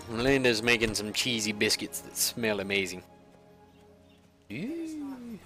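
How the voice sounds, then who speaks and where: A man's voice: lowish voice, measured pace, pushed and bright, soft background music. A man giving rambling, self-mocking, casual commentary while he plays a video game. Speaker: let's play gamer.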